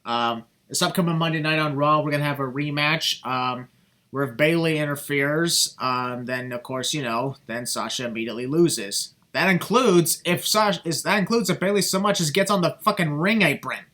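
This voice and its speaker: Young guy ranting on a podcast, bright forceful voice, swears a lot, lots of ums. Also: fairly high pitch, moderate pace. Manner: heated, swears freely, many fillers. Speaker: podcast host. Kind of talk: casual podcast chat.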